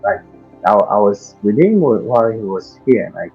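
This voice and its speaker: A man's voice: lowish voice, sing-song, normal speed, breathy edge, muffled recording, soft background music. A man in his twenties from Ghana with a Ghanaian accent, a guest telling his story with many fillers and restarts. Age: 20s. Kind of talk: casual interview.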